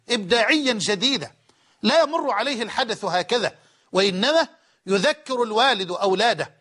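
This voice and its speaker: A man's voice: very high voice, a bit bright. A man with an Egyptian Arabic accent preaching an Islamic sermon, switching between classical Arabic and dialect, emphatic and pleading.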